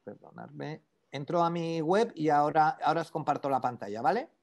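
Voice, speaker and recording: Gravelly man teaching an online class. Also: a little high, a little fast. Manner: conversational, peppers speech with "¿vale?"; animated, lively explanations with asides to students. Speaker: e-commerce instructor.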